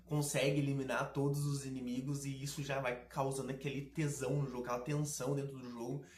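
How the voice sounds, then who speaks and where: A man talks through a video game with casual, sarcastic and slangy commentary. His voice sits at a middle pitch. The recording has a roomy, echoing sound. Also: level tone, fast talker, darkish tone. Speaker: gaming video host. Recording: roomy echo.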